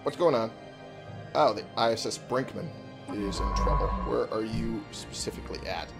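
A man giving casual, informal gameplay commentary as a host, thinking out loud, reading on-screen text and swearing freely. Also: fairly low pitch, moderate pace, music in the background. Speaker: video game let's-play host.

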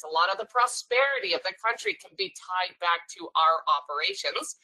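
A woman's voice: lowish voice, sharp tone, poor audio. A woman from Norway giving a friendly, explanatory webinar presentation to travel agents, with a light sense of humor. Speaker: sales presenter for a cruise line.

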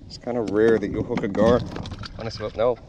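Casual fishing-vlog commentary comes from a man in a kayak outdoors, captured by the action camera he wears. He talks a little fast in a lowish, level voice, and the sound is lo-fi with background noise.

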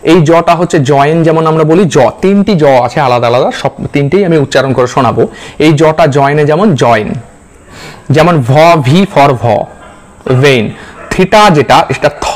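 A man, teaching a slide-based pronunciation lesson, patiently repeating example sounds one by one. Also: a little high.

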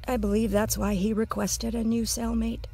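A woman's voice: fairly high pitch, flat delivery, normal speed, vocal fry, warm tone, husky, soft background music, pitched above the performer's own voice. A woman voicing a meek male demon underling who answers hesitantly and stammers in a scripted audio story. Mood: nervous. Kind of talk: scripted audio drama narration.

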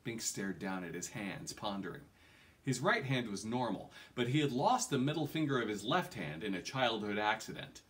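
This reader, a man in his forties, performs a fantasy novel aloud indoors in a small home room, sounding like a theatrical audiobook narrator. His lowish voice is expressive and a bit bright, kept at normal speed, with an occasional minor slip.

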